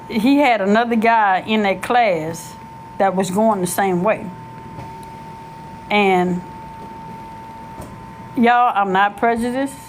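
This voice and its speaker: A middle-aged woman telling her life story in a casual, animated, slangy way, often searching for words. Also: medium pitch, slight background noise.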